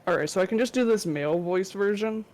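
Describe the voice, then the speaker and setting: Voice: mid-range voice, fast, darkish tone. A person talking through a voice changer during a casual group reading on a live stream.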